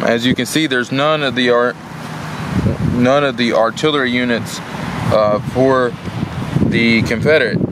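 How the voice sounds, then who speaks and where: Man filming himself by a busy road. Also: medium pitch. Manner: halting, many "uh" and "um" fillers, talking while walking. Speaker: history vlogger. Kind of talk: casual on-site explanation. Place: outdoors at a roadside battlefield site. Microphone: phone camera held at arm's length. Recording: loud traffic and wind noise outdoors. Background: passing cars and wind.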